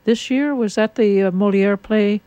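A woman hosting a casual radio chat, talking in an unhurried, chatty way with frequent fillers. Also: mid-range voice, mellow, dry recording. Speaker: radio host. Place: radio studio.

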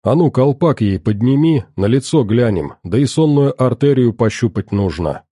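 A man's voice: mid-range voice, lively intonation, moderate pace, dark tone, husky, dry recording, studio quality. Man doing a crude mocking security guard. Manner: mocking, coarse. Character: crude callous male security guard, coarse slang.

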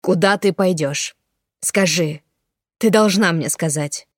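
A woman's voice: on the low side, takes it slowly, dry recording. A woman voicing a distraught young man who pleads and sobs, in a dry close recording. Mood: pleading. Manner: pleading, tearful, insistent.

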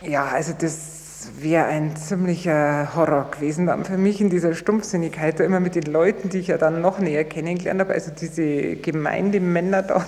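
A woman's voice: lowish voice, darkish tone, in a large hall. A woman recalling her past in a chatty, somewhat hesitant radio interview. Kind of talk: casual recollection.

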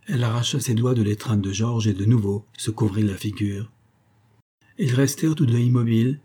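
Low, dark, husky male audiobook narrator. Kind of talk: scripted narration of a classic novel.

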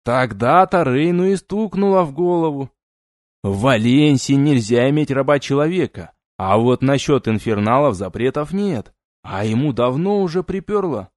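A man's voice: mid-range voice, animated, moderate pace, dry recording, studio quality, close to an everyday voice. A man voicing a drunk young male student gossiping with scorn. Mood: scornful.

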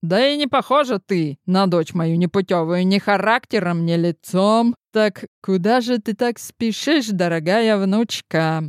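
A woman voicing a sharp-tongued, bossy old grandmother in an audiobook, speaking slowly and mockingly. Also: mid-range voice, dry recording, clean studio sound, natural voice. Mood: scolding. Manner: gruff, mocking, slow and deliberate. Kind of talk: audiobook character voice.

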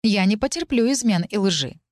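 A woman reading the lines of a calm, cold young woman student in an audiobook, in a composed and slightly mocking way. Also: mid-range voice, moderate pace, no room sound, studio quality, voice pushed up, natural voice. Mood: coolly mocking. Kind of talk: audiobook dialogue.

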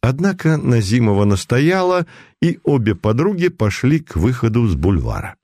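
A man's voice: mid-range voice, sing-song, normal speed, darkish tone, no echo, clean studio sound. A man reading a story aloud as scripted narration, telling it expressively. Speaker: audiobook reader.

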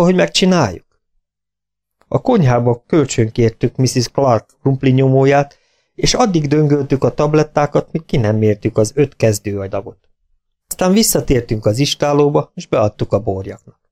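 A man reads aloud an audiobook in a calm, even way. His voice sits in the middle of the male range and keeps a steady storytelling pace. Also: mid-range voice. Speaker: audiobook narrator. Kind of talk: scripted audiobook narration.

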